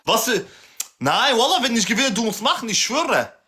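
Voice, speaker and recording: Animated high-pitched young man. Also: moderate pace. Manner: street slang, insistent, repetitive. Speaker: live streamer. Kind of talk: heated casual livestream banter.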